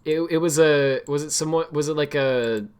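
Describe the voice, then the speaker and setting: A man's voice: on the high side, brisk, a crowd in the background. A man chatting casually on a live stream, rambling and mocking himself as he reads out memes, laughing often.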